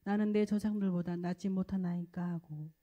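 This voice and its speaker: A woman reading a scripture passage in measured, solemn recitation. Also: mid-range voice, steady tone, lo-fi sound. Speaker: scripture reader.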